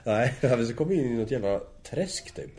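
A man's voice: medium pitch, sing-song, warm tone. A man casually telling a hunting story to friends in an easygoing way, chuckling between phrases. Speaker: hunter telling stories.

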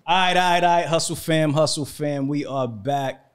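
A man's voice: on the high side, moderate pace, loud music behind the voice. A man hosting an interview podcast, talking in a hyped, slangy way and calling his guest bro and man. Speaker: podcast host. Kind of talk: casual interview chat.

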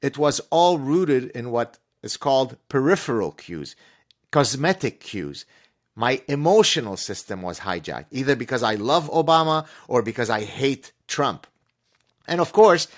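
On a podcast, a male guest whose first language is Arabic talks with animated sarcasm, leaning hard on his points with pointed emphasis. His pitch is ordinary for a man.

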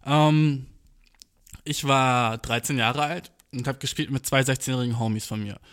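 A young man telling a comedic story in casual speech, slangy and animated, full of swearing and English slang. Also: moderate pace, clear, resonant tone. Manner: slangy, animated, acts out quotes with big pitch jumps.

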